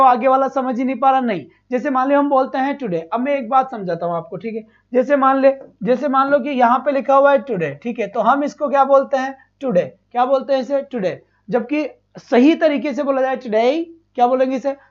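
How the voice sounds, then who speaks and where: A man's voice: very high-pitched, highs cut off. A male teacher giving an online exam-prep class, asking his own questions, answering them and repeating each point, and praising the students as his children.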